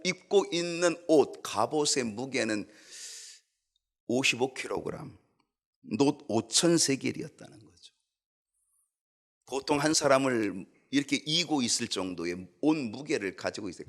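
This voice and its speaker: A man preaching a sermon as a church pastor, swinging from loud emphatic peaks to hushed low asides and briefly voicing the people in his story. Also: lively intonation, normal speed. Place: church sanctuary.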